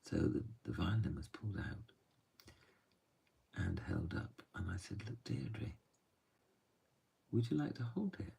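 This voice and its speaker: A man telling a true story softly and gently, often dropping to a hush. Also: low-pitched, sing-song, recorded from a distance. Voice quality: gravelly and husky. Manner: soft, unhurried, often drops to a hush.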